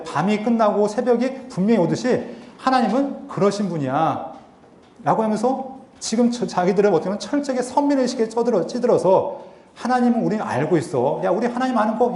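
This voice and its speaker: A man teaching a Bible seminar with a high, light voice. He talks in an earnest lecturing tone and keeps posing questions he answers himself. The sound rings around a roomy lecture hall. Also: a little mellow. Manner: earnest, asks and answers his own rhetorical questions. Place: lecture hall at a theological university.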